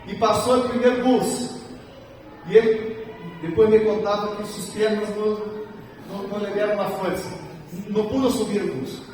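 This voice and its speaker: High-voiced man preaching in an echoey church. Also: fairly even intonation, a little slow, pauses often, slight background noise. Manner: emotional storytelling, swinging between loud and soft. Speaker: guest preacher. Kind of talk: sermon. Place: church hall. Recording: echoey church hall, mic from far off.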